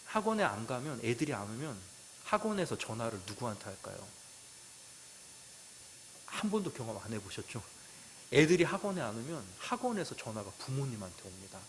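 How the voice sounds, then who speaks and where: Male pastor, sermon, storytelling, questions to the congregation, loud bursts and soft drops, mid-pitched, faint hiss. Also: big pitch swings, fairly quick, poor audio. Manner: swings between loud emphasis and quiet asides.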